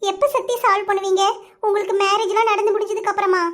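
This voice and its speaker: A young cartoon sweetheart with a piping, almost childlike voice. She speaks with a Kanyakumari Tamil accent, whining and shrill, easily wounded and close to tears. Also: level tone, quick pace, a bit bright. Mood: hurt. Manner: shrill and whiny, stammers when upset. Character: young woman lover, squeaky, touchy and tearful. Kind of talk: cartoon voice acting.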